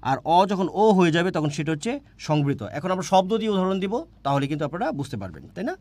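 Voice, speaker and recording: A man's voice: sits high, big pitch swings, quick pace, a little mellow, no echo. A man teaching a grammar class online, repeating points and asking questions he answers himself. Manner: repetitive, asks questions and answers them himself.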